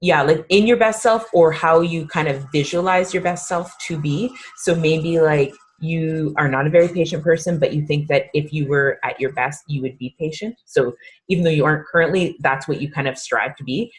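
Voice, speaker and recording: Woman, thirties, fitness coach, casual workshop talk, upbeat, low voice, husky. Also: moderate pace. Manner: chatty, upbeat, filler-heavy.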